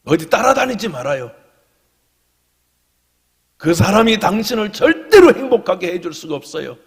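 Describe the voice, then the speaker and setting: Male pastor, sermon delivery, rasp in the voice, long church reverb, loud-to-whisper swings. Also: high-pitched, sing-song, moderate pace. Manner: swings between loud proclamation and hushed whispers.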